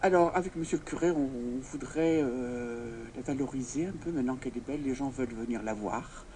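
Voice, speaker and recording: A man's voice: medium pitch, a little fast, darkish tone. A man giving hesitant, piecemeal interview answers as a local association member inside a church. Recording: church interior with background noise.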